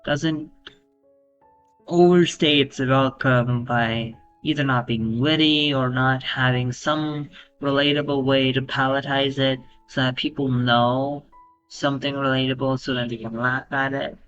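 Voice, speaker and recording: A man breaks down a comedy clip in voice-over, explaining in a halting way with fillers. His voice sits mid-range. The audio sounds a touch dull, with faint music underneath. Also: medium pitch, fairly even intonation, fairly bright tone. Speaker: video commentator. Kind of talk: analytical voice-over commentary.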